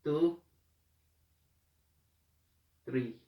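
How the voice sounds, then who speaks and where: A man speaks slowly and haltingly, repeating phrases and filling gaps as he walks through a writing lesson step by step. His voice sits a little high. The room around him is echoey. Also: highs cut off. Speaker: Korean language tutor.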